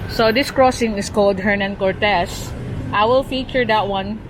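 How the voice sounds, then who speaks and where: A woman's voice: medium pitch, normal speed. A woman with a Cebuano Filipino accent giving a casual walking street tour, her articulation slightly impeded by new braces. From Cebu, Philippines. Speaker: vlogger. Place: outdoors on a busy city street. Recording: noisy outdoor street with traffic.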